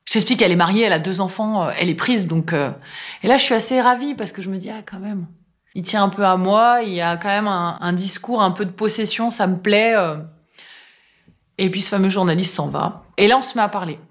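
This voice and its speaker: A woman's voice: mid-range voice, fairly quick. Chatty middle-aged woman telling an anecdote. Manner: chatty, many fillers, acts out quoted dialogue. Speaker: storyteller recounting a personal anecdote. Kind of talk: casual spoken anecdote.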